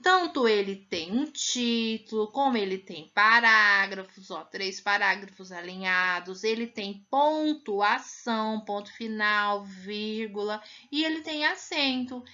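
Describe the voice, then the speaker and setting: A woman from Brazil who teaches primary school, giving a recorded lesson and patiently sounding out words slowly to show them. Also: medium pitch, sharp tone. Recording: muffled lo-fi sound.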